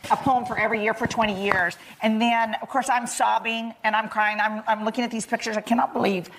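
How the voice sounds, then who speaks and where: A woman's voice: a little high, level tone, brisk, fairly bright tone, rough recording. An older woman, a guest on a talk show, telling a heartfelt story and choking up as she speaks. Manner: emotional, tender storytelling. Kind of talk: casual chat.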